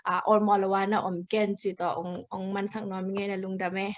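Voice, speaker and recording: A woman's voice: medium pitch, flat delivery, brisk, lo-fi sound. A woman giving an online health talk over a video call, speaking hesitantly with fillers and slipping in English medical terms. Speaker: health presenter.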